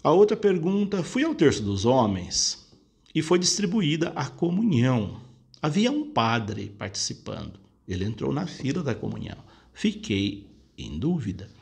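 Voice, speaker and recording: A priest talks through listeners' questions one by one, calm and explanatory. His voice sits at an ordinary male pitch with a gravelly, creaky edge. He restates each point so it is easy to follow. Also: unhurried. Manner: explanatory, patient, repeats points for clarity. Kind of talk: casual spoken Q&A lesson.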